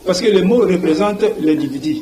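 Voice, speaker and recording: A man teaches like a professor, spelling words out letter by letter and checking that you follow. His voice sits a little high, with a faint hiss of noise behind it. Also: expressive, brisk. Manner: didactic, repeats "vous voyez", spells out letters. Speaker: guest, language professor. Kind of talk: TV interview, explaining.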